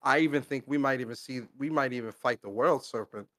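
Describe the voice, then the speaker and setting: A man co-hosting a casual podcast, excitable and laughing often, repeating himself as he gets hyped. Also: mid-range voice, a little fast. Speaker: podcast co-host.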